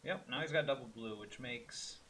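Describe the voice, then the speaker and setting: Bright-voiced man muttering through gameplay. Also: mid-range voice, normal speed, faint music behind. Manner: muttering thoughts aloud, dry asides. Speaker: gaming video host. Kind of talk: casual gameplay commentary. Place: room at home with window open.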